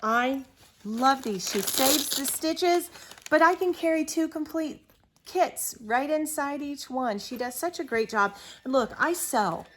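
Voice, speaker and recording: Ohio lady gushing about her craft bags, kinda high voice, lots of laughing, faint background hiss. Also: animated, a little slow, a bit bright. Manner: chatty, enthusiastic, laughs often. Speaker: co-host of a stitching video show. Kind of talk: casual chat showing purchases.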